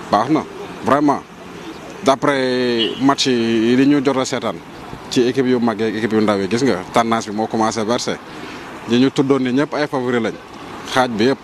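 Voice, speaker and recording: A man in a street interview, talking cautiously and reasoning things out into a handheld microphone. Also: mid-range voice. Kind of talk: casual street vox pop. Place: street outdoors. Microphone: handheld mic held by interviewer. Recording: street noise outdoors.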